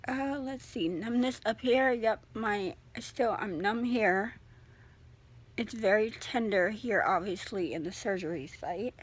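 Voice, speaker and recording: Giving a surgery recovery update in a casual video diary, a young woman talks with a medium-pitched, slightly breathy voice. Because her sore, stiff jaw barely opens, her speech is a little impeded and her mouth stays mostly shut.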